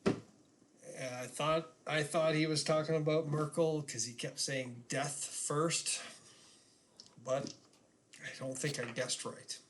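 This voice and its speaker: A man playing a tabletop game, narrating his character's actions in an animated way. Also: a little high, slow, pauses often, noisy background. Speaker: player.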